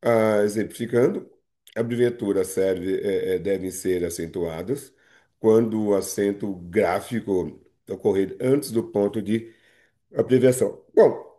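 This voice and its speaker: A man's voice: on the low side, measured pace, mellow. A male teacher with a Brazilian Portuguese accent, giving a recorded video lesson on grammar. He explains patiently and keeps checking in with the class. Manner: explains patiently with frequent "né?" and "não é isso?" checks; hesitant restarts and fillers.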